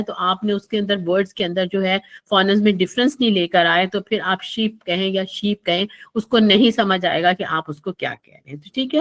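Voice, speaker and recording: A woman teaches pronunciation in a recorded lecture for online tutors. She explains patiently at a medium pitch, circling back over her points and pausing on small fillers as she goes. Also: fairly bright tone.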